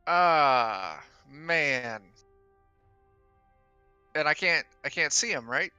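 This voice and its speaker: A man's voice: on the high side, lively intonation, very slow, sharp tone, clear, resonant tone, no room sound, muffled recording, soft background music. A man chatting casually as a player in a tabletop game.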